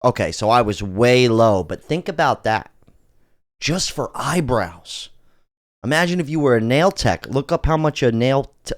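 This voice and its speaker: A man hosting a casual podcast, reacting to clips with loud, laughing, profane banter. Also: on the low side. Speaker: podcast host.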